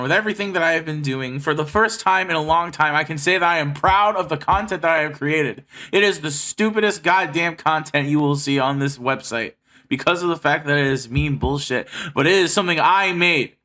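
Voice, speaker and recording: Swearing a lot but speaking earnestly, a man of thirty talks to his online audience in a personal monologue. He makes comic dubs and skits as a video creator, and his voice here is high, bright, and forceful.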